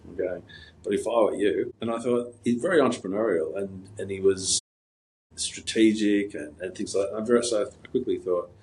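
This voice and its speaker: A middle-aged man with a very low, deep voice, talking through his career as an interview guest. He rambles in an easygoing, anecdotal way, full of little restarts and fillers. A faint hiss sits under the recording. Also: darkish tone, rough recording. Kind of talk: casual interview storytelling.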